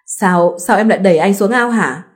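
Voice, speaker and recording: A man's voice: high voice, normal speed, close to an everyday voice. A woman voicing a pitiful lovesick young village man who pleads and whines in a read-aloud story. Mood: whimpering. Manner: whiny pleading.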